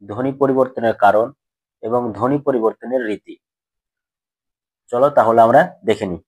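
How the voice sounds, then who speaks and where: Man, teacher type; slightly husky, steady middle pitch, dry recording; drills students with rhetorical questions. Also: no echo, rough recording. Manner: asks questions then answers them himself, repeats key points. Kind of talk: grammar lesson for school students.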